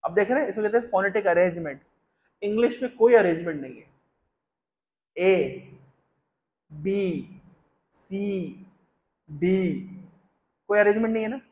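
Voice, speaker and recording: High-voiced man teaching a spiritual class. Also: racing, darkish tone. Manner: explains step by step, asks the audience questions. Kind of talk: Hindi discourse with chanted Sanskrit verse.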